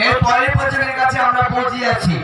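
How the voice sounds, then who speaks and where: A man announcing contestants at a village fancy-dress contest, declaiming slogans over a loudspeaker. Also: very high-pitched, flat delivery, racing, far from the mic, heavy background noise. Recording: echoey loudspeaker in loud crowd.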